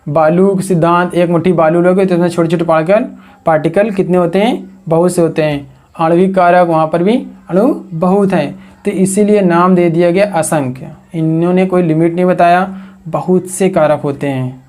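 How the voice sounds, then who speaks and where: Male coaching teacher, mellow tone, drills mnemonics through question and answer. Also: sits high, fairly even intonation, normal speed. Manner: repeats questions to the class and answers them; builds memory tricks from words. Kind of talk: exam coaching lecture.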